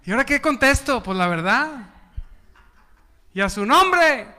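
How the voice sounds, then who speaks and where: High-voiced preacher. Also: male voice, a little slow. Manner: animated, acts out dialogue, shouts and drops to hushed tones. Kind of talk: sermon with call and response. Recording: long hall reverb.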